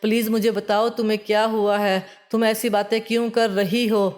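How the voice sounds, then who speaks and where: A gentle, worried young husband pleading with his wife, read by a woman narrator. The storybook lines stay flat and even in pitch. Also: lightly acted.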